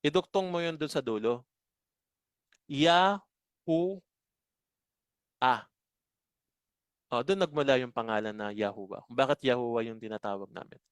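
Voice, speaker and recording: A man teaching a Bible study lesson, explaining slowly and asking his listeners rhetorical questions. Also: mid-range voice, smooth, dry recording. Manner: slow, explanatory, asks rhetorical questions often.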